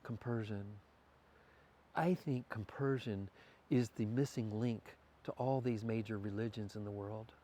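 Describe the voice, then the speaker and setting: A man's voice: lowish voice, normal speed, warm tone. Reflective man musing aloud. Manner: reflective, philosophical, thinks aloud with restarts. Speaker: podcast guest. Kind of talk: candid conversational interview.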